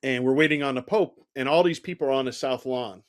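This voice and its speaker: A man's voice: mid-range voice, brisk. A middle-aged man, a former Secret Service agent, telling stories as a guest in a conversational interview, leaning on "you know" and acting out the dialogue. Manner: animated anecdotal telling, heavy use of "you know", acts out quoted dialogue.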